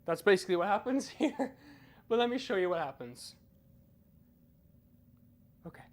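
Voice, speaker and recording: A man's voice: high-pitched, very animated, moderate pace. A man giving casual live game commentary as a streamer, chatty, informal and self-deprecating.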